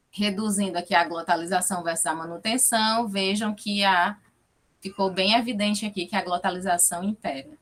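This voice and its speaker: A woman's voice: medium pitch, a bit bright. Explanatory woman with a Fortaleza accent. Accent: Fortaleza, Ceará. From Fortaleza, Brazil. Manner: explanatory, checks in often with "tá?" and "né?". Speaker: guest lecturer, linguistics researcher. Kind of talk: academic presentation explaining research data.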